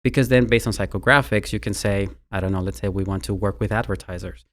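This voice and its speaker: A man from Mexico with a Mexican Spanish accent, a university marketing executive, is a guest in a conversational interview. His voice sits on the low side and is fairly bright, steady, and fast, and he often repeats words as he starts a sentence.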